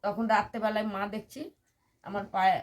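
A woman's voice: medium pitch, little pitch movement, brisk. An older woman from West Bengal, a temple devotee, telling her personal story in an interview in an earnest, detailed way. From West Bengal, India. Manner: earnest, detailed recounting with many reported quotes.

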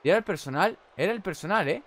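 High-voiced Spanish man calling a wrestling game. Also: expressive, fast talker. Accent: Spain Spanish. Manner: exclaims loudly at big moves, chats casually. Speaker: gameplay commentator. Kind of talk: excited wrestling game commentary.

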